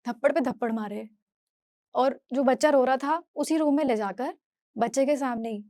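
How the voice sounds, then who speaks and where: A woman from Delhi tells her own story in a halting, earnest way, often circling back and repeating herself. Her voice sits fairly high but sounds mellow and warm. The recording is close and dry. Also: dry recording. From Delhi, India. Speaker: speaker sharing a personal story. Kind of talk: emotional first-person testimony talk.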